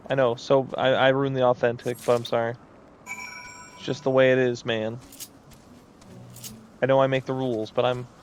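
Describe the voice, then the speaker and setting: A man's voice: mid-range voice, a little hiss or hum. A man giving casual gameplay commentary as a streamer, rambling and self-deprecating. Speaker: video game streamer.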